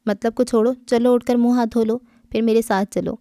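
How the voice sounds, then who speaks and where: Female reader voicing a teasing, coaxing young woman; warm and dry. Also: fairly high pitch, fairly even intonation, no echo, close to an everyday voice. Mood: cheerful. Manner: playful, coaxing.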